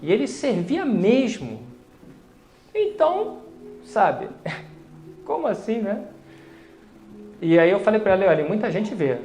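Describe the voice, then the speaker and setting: Animated man telling a faith story. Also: takes it slowly, pauses often, faint music behind. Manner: animated, voice rising high when excited. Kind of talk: storytelling religious testimony. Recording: echoey room.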